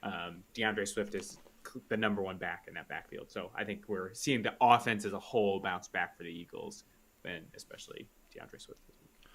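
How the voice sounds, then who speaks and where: A man co-hosting a casual sports podcast, chatty and joking, quick to give his opinions. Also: low voice, steady tone, fairly bright tone. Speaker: podcast co-host.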